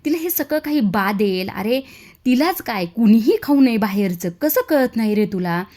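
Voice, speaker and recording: A woman voicing a fussy, protective middle-aged mother-in-law who scolds with rapid questions. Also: mid-range voice, lively intonation, close to an everyday voice. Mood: scolding.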